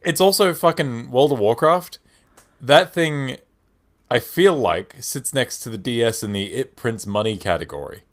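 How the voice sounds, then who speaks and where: A man's voice: mid-range voice, expressive, a little slow. A man with a cold and a whiny voice, co-hosting a casual podcast chat, laid-back and sardonic, swearing often. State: has a cold. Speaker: podcast co-host.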